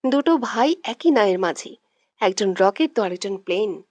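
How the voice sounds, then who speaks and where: A woman's voice: medium pitch, lively intonation, moderate pace, no room sound, lightly acted. A woman voicing a protective young woman who scolds a hot-headed man and comforts a crying girl, in a read-aloud audio story. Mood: scolding. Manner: sharp with him, soothing with the girl.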